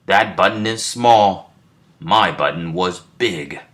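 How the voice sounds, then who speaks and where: A man voicing a grumpy, easily exasperated male toad from a storybook, complaining in an emphatic, drawn-out way. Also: low voice, fairly bright tone. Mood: annoyed.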